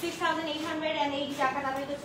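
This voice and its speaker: Fast, high-voiced woman selling dresses live. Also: flat delivery, roomy sound, noisy background. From Bangladesh. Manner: chatty, mixes English into Bengali, addresses viewers as apu; talks loudly on purpose. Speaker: online dress seller. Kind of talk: live-stream sales pitch, reading viewer comments. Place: indoors, home.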